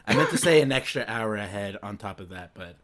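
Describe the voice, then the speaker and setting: A man's voice: fairly low pitch, animated, fairly quick, fairly bright tone. A young man hosting a podcast, loose and giggly, with plenty of filler words. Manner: giggly, loose, lots of likes. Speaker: podcast host. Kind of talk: casual podcast chat.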